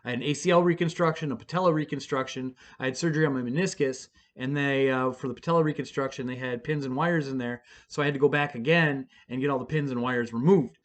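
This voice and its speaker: A man's voice: medium pitch, quick pace, hardly any pauses. A middle-aged man casually telling a profane, self-mocking story, rambling with fillers and restarts. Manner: fillers and restarts, bursts of excited shouting.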